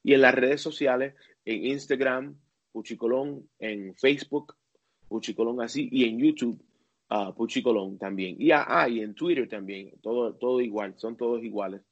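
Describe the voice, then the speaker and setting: A man, a worship leader and singer, talking casually as an interview guest and pausing often with fillers and restarts. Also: medium pitch, dull audio. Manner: halting, many fillers and restarts.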